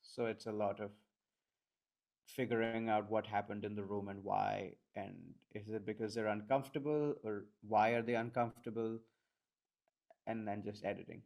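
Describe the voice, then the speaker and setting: A man's voice: fairly low pitch, fairly even intonation, moderate pace, gravelly, darkish tone. A man answering interview questions, reflective and working things through aloud.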